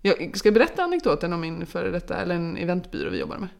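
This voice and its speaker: A woman's voice: lowish voice, big pitch swings, vocal fry. A woman in her thirties, a mother and podcast co-host, chatting casually and acting out quotes as she tells family anecdotes. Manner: chatty storyteller, acts out quotes, laughs often. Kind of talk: casual chat.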